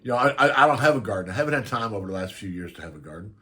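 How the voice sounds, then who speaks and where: A man's voice: on the low side, lively intonation, very fast, sharp tone. Older man telling a rambling story. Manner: rambling, laughs through his story. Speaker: vlogger. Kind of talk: casual storytelling.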